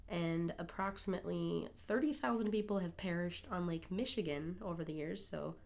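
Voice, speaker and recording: A woman's voice: lowish voice, moderate pace, vocal fry, a little mellow. A young woman from Minnesota co-hosting a podcast, chatty and bubbly with lots of fillers, her nose stuffed up from a cold. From Minnesota, United States. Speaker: podcast co-host. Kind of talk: casual chat.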